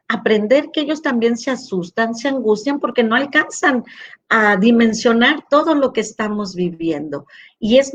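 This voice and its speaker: A middle-aged woman, a school rector, giving a slow heartfelt talk on emotions, telling anecdotes and acting out quoted dialogue. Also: on the high side, muffled recording. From northwestern Mexico. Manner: tender, acts out quoted dialogue.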